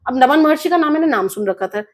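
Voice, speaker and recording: Earnest woman with a higher voice. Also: lively intonation, fast. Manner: earnest, mixes English words into her speech. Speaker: guest author. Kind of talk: personal story in an interview.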